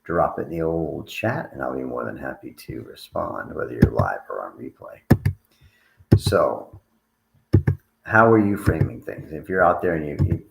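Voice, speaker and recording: A man's voice: rumbling low, animated, moderate pace, vocal fry, echoey room, very noisy. A tired man talking casually to livestream viewers as a coach, rambling and restarting his sentences. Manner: rambling, conversational, frequent restarts. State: tired, yawning.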